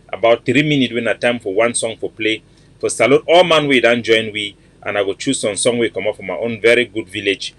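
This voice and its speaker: Speaking into his webcam at home, a Cameroonian Pidgin English-accented man in his forties runs an online show, greeting viewers by name with earnest, emphatic and repetitive talk. The recording has no echo, and his fairly low voice is a bit bright.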